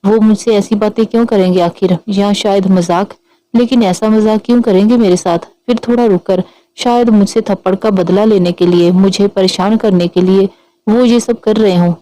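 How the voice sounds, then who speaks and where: A shy young woman, hesitant and easily flustered, stumbling over her words, as a woman narrator puts her on in a storybook. Her voice is mellow and warm at a middle pitch. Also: steady tone, normal speed, natural voice, low-quality recording. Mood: troubled.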